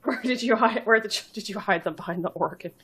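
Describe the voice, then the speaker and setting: A woman's voice: mid-range voice, quick pace, noisy background. A woman chatting casually and laughing often while playing a video game on stream, swearing freely. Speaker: let's play streamer. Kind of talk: casual gameplay chat.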